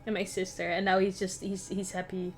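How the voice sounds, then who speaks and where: A woman's voice: mid-range voice, little pitch movement, a little fast, faint music behind. A bubbly woman co-hosting a podcast, chatting casually and reading a creepy story aloud. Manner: bubbly, cooing over her pets. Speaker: podcast co-host and story reader.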